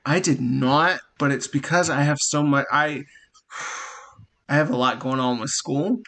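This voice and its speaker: A man in his thirties co-hosting a casual podcast chat, telling lively stories and laughing at his own tales. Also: medium pitch, unhurried. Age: 30s. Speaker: podcast co-host.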